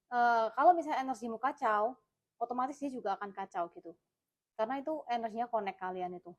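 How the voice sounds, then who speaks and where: A woman's voice: fairly high pitch, fast, highs cut off. A woman with an Indonesian accent giving a casual tarot reading, chatty and repetitive, full of fillers. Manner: chatty, repeats herself, many fillers. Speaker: tarot reader.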